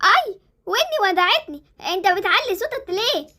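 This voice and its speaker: A woman's voice: very high-pitched, animated, brisk, bright, forceful tone, heavily acted. A woman voicing a cheeky young girl with an Egyptian Arabic accent, chatty and bossy. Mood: annoyed.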